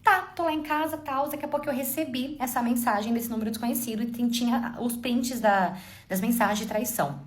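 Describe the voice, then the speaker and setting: Fast-talking woman storyteller. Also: a little high. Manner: dramatic, addresses listeners directly. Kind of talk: casual first-person storytelling.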